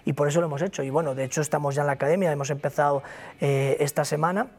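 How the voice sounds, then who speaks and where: A broker company founder from Galicia, Spain, appears as an interview guest, pressing his points emphatically and repeating them in a motivational way. He speaks rapid-fire in a steady, slightly high voice with a Galician Spanish accent.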